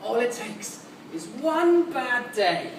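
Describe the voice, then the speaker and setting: A man's voice: very high-pitched, sing-song, slow pace, full character voice. A man playing a mad, theatrical supervillain clown in a dramatic, mocking stage monologue. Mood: gloating. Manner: theatrical, mocking, dragging out words for emphasis. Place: large cinema auditorium. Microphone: distant recorder in the room. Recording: echoey, noisy hall recorded from far off.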